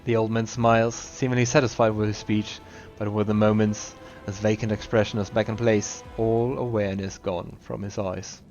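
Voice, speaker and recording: A man streaming a game, reading its narration aloud in a plain, halting way with small restarts. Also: on the low side, level tone, darkish tone. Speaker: let's play streamer. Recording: slightly dull lo-fi recording. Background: faint game music.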